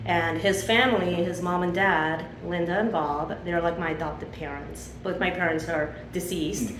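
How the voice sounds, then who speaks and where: Recounting her life in a chatty, filler-heavy ramble, the interview guest is a Chile-born woman in her fifties raised in Miami. Her pitch is fairly low, her intonation fairly even and her pace moderate. The sound is roomy over a noisy background.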